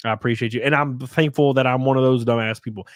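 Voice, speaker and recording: Talking fast in a medium-pitched, fairly even voice, a man runs a livestream and reads out donations. His thanks are rambling and profane, and he comes across as sniffly and slightly drunk; the audio is studio quality with no echo.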